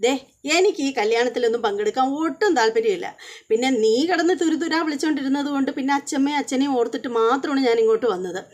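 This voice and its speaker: A woman's voice: high-pitched, fast, natural voice. A woman voicing an angry young husband who sharply questions his wife and her family. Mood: demanding.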